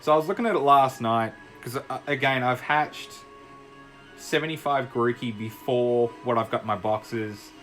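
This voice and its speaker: A man's voice: mid-range voice, normal speed, fairly bright tone. A young man chatting casually as he plays and commentates a video game, rambling and laughing easily. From Australia. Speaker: gaming YouTuber. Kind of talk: casual commentary while playing. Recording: faint music behind.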